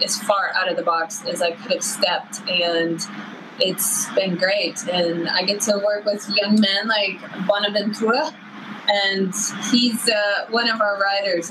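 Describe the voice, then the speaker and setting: A woman in her fifties talks as a guest, telling stories in a conversational style. Her pitch is average for a woman. Clear ambient noise runs behind her voice. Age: 50s. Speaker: guest, cycling team staff. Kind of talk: conversational personal storytelling.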